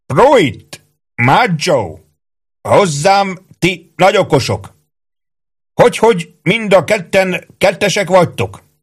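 A man's voice: on the high side, animated, voice pushed up. A man voicing a bossy, suspicious army sergeant who bellows orders in rustic, slurred speech.

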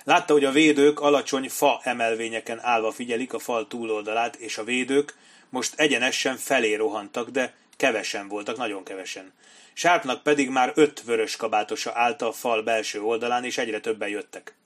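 A man reading a war novel aloud as an audiobook narrator, in steady, measured storytelling. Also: mid-range voice.

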